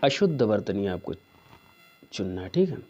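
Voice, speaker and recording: A man teaching a spelling lesson for exam preparation, going slowly through each answer and checking in with "theek hai". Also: on the low side, big pitch swings, mellow, lo-fi sound. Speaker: Hindi teacher.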